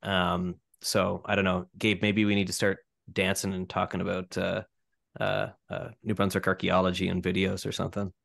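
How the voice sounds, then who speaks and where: Deep, gravelly man hesitantly co-hosting. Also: completely flat delivery, moderate pace, a bit bright. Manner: hesitant, filler-heavy. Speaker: podcast co-host. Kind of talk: casual interview chat. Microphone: video call.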